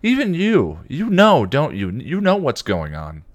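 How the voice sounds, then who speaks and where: A man reading aloud and voicing a defiant teenage girl who is angry at being kept in the dark. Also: medium pitch, sing-song, fast talker, clean tone, dry recording, studio quality, pitched above the performer's own voice, close to an everyday voice. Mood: sullen.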